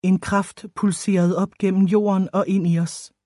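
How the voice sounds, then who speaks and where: A woman reading a first-person audiobook in a measured, expressive storytelling way, close to the microphone. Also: mid-range voice, no echo. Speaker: audiobook narrator.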